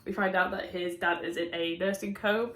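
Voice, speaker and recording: A woman's voice: on the low side, fairly even intonation, moderate pace, fairly bright tone. Sick woman, muffled as through glass. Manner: chatty, many likes, laughs often. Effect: muffled, as if talking through a window. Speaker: book reviewer. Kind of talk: casual chat. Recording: echoey room.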